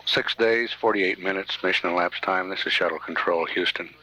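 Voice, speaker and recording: A man giving live mission control commentary in a halting, measured way, often pausing mid-sentence. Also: deep voice, crowd noise, rough recording. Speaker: mission control public affairs announcer. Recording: faint radio hiss.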